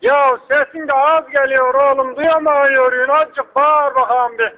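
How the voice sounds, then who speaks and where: A man's voice: very high voice, fairly even intonation, a little slow. A man playing a hard-of-hearing, rambling, persistent old village uncle in a prank phone call. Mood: rambling, insistent. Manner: repetitive, rambling, asks people to speak up. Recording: dull lo-fi phone prank recording.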